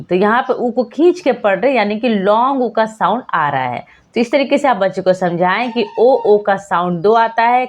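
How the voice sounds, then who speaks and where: A woman teaching a phonics lesson for parents, patiently asking and answering her own questions and sounding out words slowly. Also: on the high side.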